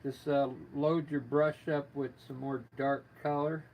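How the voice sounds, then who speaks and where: A man giving a casual live painting lesson as a gentle, informal instructor with a gravelly voice, talking while he works. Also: fairly high pitch, flat delivery, unhurried, rough recording. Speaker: painting instructor, livestream artist. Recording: noticeable background noise, live stream.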